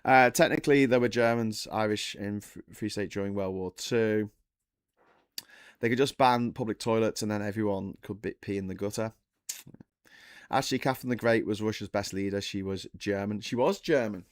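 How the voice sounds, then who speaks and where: A man in his forties chatting casually on a live stream, wandering from one bit of trivia to the next and correcting himself as he goes. His voice sits fairly low, and the sound is dry and close with no room to it. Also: moderate pace, no room sound. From England. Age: 40s. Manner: rambling, self-correcting, chatty with the chat. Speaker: livestream host.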